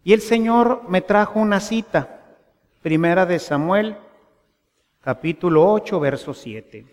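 High-voiced Mexican priest preaching slowly. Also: male voice, animated, a little mellow. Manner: conversational preaching with rhetorical questions. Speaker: parish priest. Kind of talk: sermon. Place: church. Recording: long church reverb.

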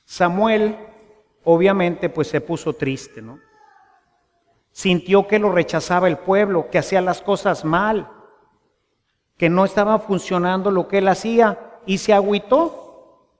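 A man's voice: high voice, measured pace, long pauses. A man with a Mexican accent, a parish priest giving a conversational sermon full of rhetorical questions. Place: church. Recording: long church reverb.

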